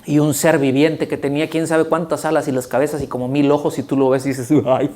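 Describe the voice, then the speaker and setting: A man preaching a sermon in a church, talking to the congregation in an animated, conversational way and often checking that they follow him. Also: on the high side, brisk. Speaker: pastor. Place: church sanctuary.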